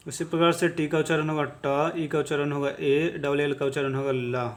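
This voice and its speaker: A man's voice: on the high side, flat delivery, fairly quick. A man teaching English reading, spelling out letter sounds and repeating each word patiently. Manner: repetitive, patient drilling. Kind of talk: phonics lesson.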